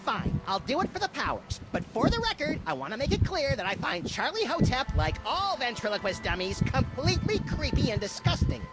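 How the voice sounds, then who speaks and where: An actor voicing a small, rude, wisecracking rabbit-like creature in an animated comedy game, with a squeaky voice and wordy theatrical delivery. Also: male voice, fairly quick, hardly any pauses, rough recording. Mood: grudging. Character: small manic male cartoon rabbit-creature, gleefully rude. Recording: music behind the voice.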